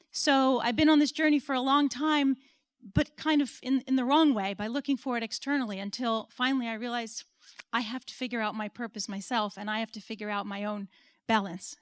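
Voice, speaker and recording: An American woman in her forties gives a heartfelt, personal talk from an event stage, sometimes laughing at herself. Her pitch is fairly high and the recording is dry.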